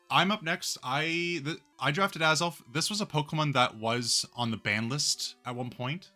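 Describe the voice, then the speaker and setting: Brief: young male host, low-pitched but bright tone, chatty and analytical, faint music behind. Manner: upbeat, analytical, with many fillers. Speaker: league coach and draft host. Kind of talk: casual stream chat.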